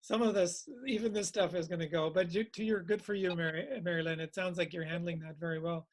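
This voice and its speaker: A man's voice: high-pitched, steady tone, fairly quick. Reflective male meditation teacher. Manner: reflective, repeats phrases for emphasis. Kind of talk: informal spoken teaching.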